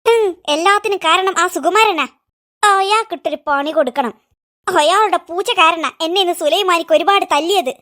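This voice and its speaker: A woman voicing a cross, vengeful middle-aged aunty in a cartoon, grumbling and scheming in a high voice pushed lower. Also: moderate pace, bright, forceful tone. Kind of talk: cartoon voice acting.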